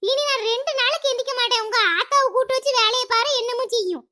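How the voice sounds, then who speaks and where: A fretful, self-pitying mother who is laid up sick, in a village cartoon, voiced by a woman. The voice is very high and bright, with a whiny edge she keeps up throughout. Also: fast talker, a little hiss or hum. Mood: indignant. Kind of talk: cartoon voice acting.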